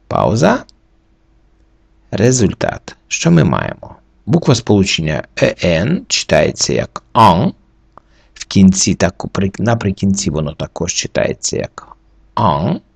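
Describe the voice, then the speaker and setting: A French teacher records a lesson, methodically and slowly going through the reading rules letter by letter. His voice is low, darkish, and husky with vocal fry, and there's no room sound.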